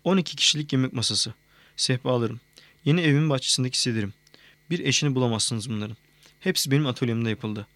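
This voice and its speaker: A man's voice: mid-range voice, quick pace, fairly bright tone, no echo, lightly acted. A man voicing a self-assured celebrity psychologist who talks playfully, read plainly as part of an audiobook. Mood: smug. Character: smug celebrity male psychologist, showman. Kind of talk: audiobook character reading.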